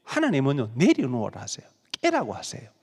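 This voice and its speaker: A man's voice: medium pitch, wildly swooping pitch, fairly quick, creaky, darkish tone, slightly rough, in a large hall. A male pastor preaching a sermon, acting out pleading prayers in dramatic voices.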